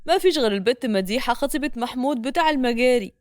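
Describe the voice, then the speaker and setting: Woman narrator playing a chatty young Egyptian neighbor in a storybook, brisk and respectful. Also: high voice, animated, dry recording, studio quality. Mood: eager. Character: chatty young neighborhood man, helpful informant.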